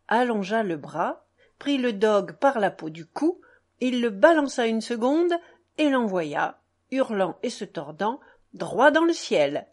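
A woman narrating a classic tale in a measured, expressive reading voice. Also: medium pitch. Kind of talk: audiobook narration.

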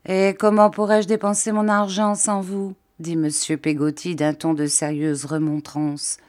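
A woman's voice: low-pitched, monotone, unhurried, dark tone. A woman doing a hearty old fisherman. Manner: cordial, talkative, enthusiastic.

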